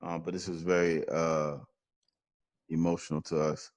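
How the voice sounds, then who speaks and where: Podcast co-host, 30s, New Orleans man, very deep voice, rambling casual talk. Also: flat delivery, normal speed, darkish tone. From New Orleans, USA. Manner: laid-back, rambling, lots of "you know". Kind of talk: casual chat. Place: garage.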